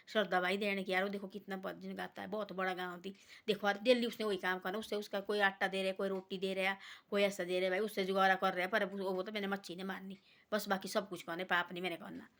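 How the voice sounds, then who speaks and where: A woman's voice: mid-range voice, fairly bright tone. A woman casually telling a devotional folk story, rambling and repeating herself between quoted lines.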